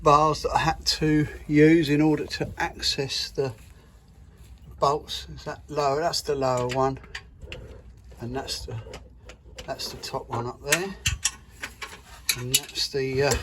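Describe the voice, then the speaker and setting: A man's voice: a little high, flat delivery, slow pace, pauses often, heavy background noise. Chatty man fixing a van. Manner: chatty, plain-spoken, many fillers and restarts. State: out of breath. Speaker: van mechanic showing a repair. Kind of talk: casual how-to talk.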